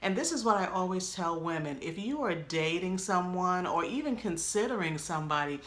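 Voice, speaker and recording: A middle-aged woman speaks to the camera in a slightly low voice. She tells her own testimony as a co-pastor, leaning hard on key words and briefly acting out the voices she quotes. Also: expressive, normal speed, a bit bright. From New York. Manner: emphatic storyteller who acts out quoted lines.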